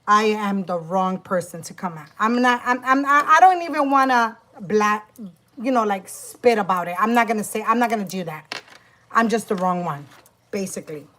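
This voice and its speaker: A woman's voice: mid-range voice, expressive, normal speed, a bit bright. A woman vlogging about her work as a witch, telling a story in an emphatic, profane way with many restarts. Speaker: spiritual practitioner and YouTuber. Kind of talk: casual vlog storytime.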